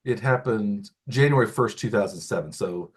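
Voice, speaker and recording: A man's voice: lowish voice, normal speed, breathy edge. Rambling man chatting sports picks. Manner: rambling, many restarts and fillers. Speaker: podcast co-host. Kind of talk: casual sports chat.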